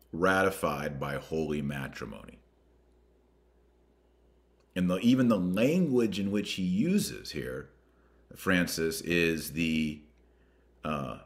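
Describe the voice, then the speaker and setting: This deep-voiced American man hosts a podcast, where he reads and remarks emphatically and deliberately, stressing names and important words.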